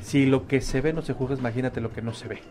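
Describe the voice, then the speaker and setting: A man's voice: mid-range voice, fairly even intonation, fast, music in the background. A man in casual conversation, speaking earnestly and emphatically.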